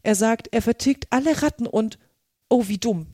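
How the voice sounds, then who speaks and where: A woman reading a storybook and voicing a curious, polite little girl in a raised, girlish pitch. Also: lively intonation, moderate pace, dark tone, dry recording, studio quality. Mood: chatty.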